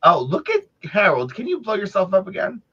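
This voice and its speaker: A man co-hosting a casual live-stream chat, relaxed and easygoing. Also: sits high, brisk, lo-fi sound, a crowd in the background.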